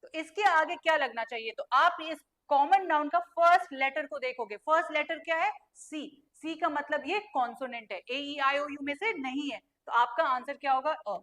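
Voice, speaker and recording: A young woman teaching grammar online has a high, bright voice and moves at a normal speed with few pauses. She shoots questions at her students and answers them herself, stretching out each letter one by one as she spells.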